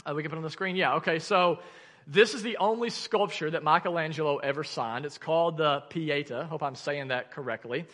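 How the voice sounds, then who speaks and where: A man with an Arkansan accent preaching a sermon to a congregation, emphatic, with dramatic drops and pauses. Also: fairly high pitch, a bit bright. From Arkansas, United States. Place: large room, preaching to a congregation. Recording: long reverb of a large room.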